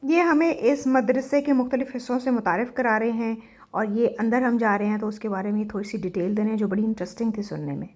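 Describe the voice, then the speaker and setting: A woman's voice: a little high, quick pace, darkish tone, a little hiss or hum. Chatty woman narrating a travel vlog. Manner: casual and chatty, sometimes forgetful. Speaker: travel vlogger.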